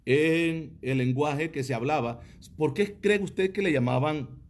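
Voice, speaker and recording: A male pastor, his voice sitting a little high for a man. He preaches a livestreamed teaching sermon and keeps pressing his listeners with rhetorical questions. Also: a little slow. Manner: asks the audience many rhetorical questions; reads out viewer comments.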